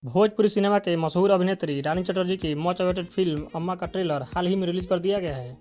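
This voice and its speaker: Soft, faint music sits under this entertainment news voice-over, read from a prepared script by a male narrator. His voice is high and light, and he keeps a quick but steady, even delivery.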